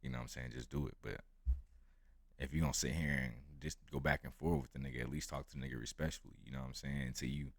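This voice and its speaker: A man's voice: very deep voice, lively intonation, fast, vocal fry, slightly rough, no room sound, clean studio sound. A man giving casual, blunt and profane reaction commentary on a video, full of slang.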